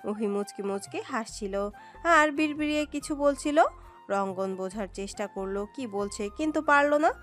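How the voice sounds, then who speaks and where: Woman, storyteller, scripted romance narration, expressive, high voice, soft music. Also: moderate pace. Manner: expressive, dramatic reading. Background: soft background music.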